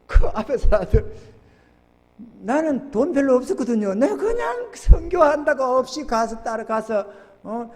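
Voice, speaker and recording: Animated pastor preaching in an echoing church. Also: male voice, sits high. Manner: folksy storytelling with sudden loud outbursts. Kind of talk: sermon. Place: church sanctuary. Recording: church hall with long reverb.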